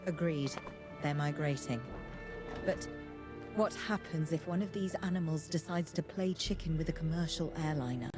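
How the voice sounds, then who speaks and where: A woman's voice: sits low, moderate pace, over music, natural voice. An actress voicing a concerned, analytical woman tracking migrating flyers, in a video game.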